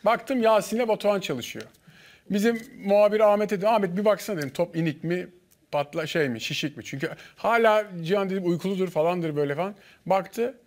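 Guy on a tv panel telling a story quick, acting out who said what. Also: sits high. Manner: lively anecdote-telling, acting out dialogue. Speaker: guest, former contestant. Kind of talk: animated storytelling on a studio panel.

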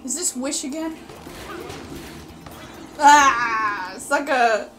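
A woman reacting live to her gameplay, excitably pleading and yelling at the screen, with faint game music behind her. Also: sits high, extremely slow. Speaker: gameplay video host. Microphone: desk mic.

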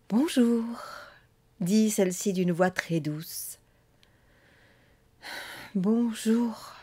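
A woman narrates a storybook in a measured, expressive reading. Her voice is mellow and warm, with an even middle pitch. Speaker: actress reading a book aloud.

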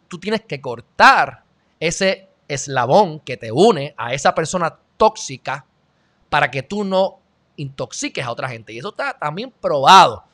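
A man's voice: a little high, sharp tone. A man with a Puerto Rican accent hosting an opinionated commentary monologue, blunt and lecturing. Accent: Puerto Rican Spanish. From Puerto Rico. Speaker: commentary show host.

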